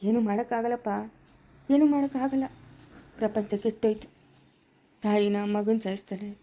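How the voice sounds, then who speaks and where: A woman's voice: mid-range voice, warm tone, close to an everyday voice. A woman with a Chikkaballapura-area Kannada accent voicing a firm older village man who acts as a father figure and lectures, repeating himself, in a family village drama. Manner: insistent, lecturing, repeating lines.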